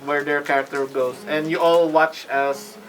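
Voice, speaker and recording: A man narrating a live tabletop game as game master, halting and suspenseful. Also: a little high, flat delivery, a bit bright, rough recording.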